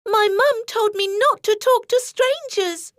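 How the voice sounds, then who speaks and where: A woman's voice: very high-pitched, takes it slowly, fairly bright tone, dry recording, clean studio sound, voice pushed up, heavily acted. A woman voicing a bold, outspoken little girl in a children's story, exclaiming pertly.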